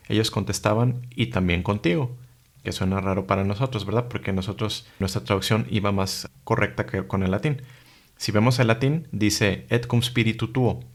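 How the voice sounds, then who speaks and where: A man with a low, gravelly voice teaches in a calm, measured way. He recites prayers slowly and evenly, like a patient catechist.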